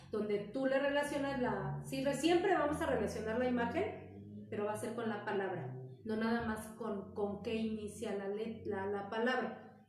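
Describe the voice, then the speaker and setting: A woman's voice: on the high side, darkish tone. A woman teacher, patiently explaining reading methods to parents and often checking in with "¿sale?". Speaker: primary school teacher. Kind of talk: teaching parents in an informal talk. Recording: echoey room, far from the mic.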